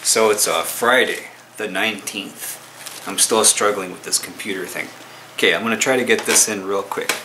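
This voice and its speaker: A man's voice: lowish voice, steady tone, moderate pace, background noise. A man in his thirties casually vlogging at home, chatty and a bit grumbly. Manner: laid-back, chatty, mildly grumbling. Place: home kitchen and living room. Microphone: camera mic.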